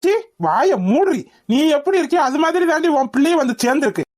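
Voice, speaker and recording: A woman's voice: sits high, animated, fairly quick, darkish tone. A woman voicing a stern middle-aged village father in a cartoon. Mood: angry. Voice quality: harsh, scolding. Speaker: father scolding his wife. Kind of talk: cartoon voice acting.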